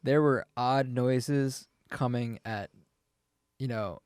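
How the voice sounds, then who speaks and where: A man's voice: medium pitch, slow pace, a little mellow, clear, resonant tone, no echo. A man co-hosting a podcast, telling a story in casual chat with lots of filler words. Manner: rambling storytelling with many fillers. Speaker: podcast co-host.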